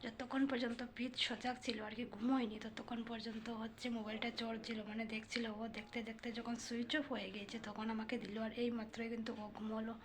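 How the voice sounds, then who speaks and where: Young woman home vlogger, hushed night-time chat to camera, slightly high and monotone. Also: quick pace, few pauses, a little hiss or hum. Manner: talks softly and hushed because her child is asleep. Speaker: housewife and family vlogger. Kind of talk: casual vlog talk to viewers. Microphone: phone.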